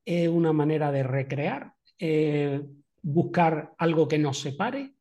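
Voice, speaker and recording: A male interviewer asks long, winding questions and pauses often on fillers as he searches for words. His pitch sits a little high, with a soft, mellow tone. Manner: hesitant, many filler pauses.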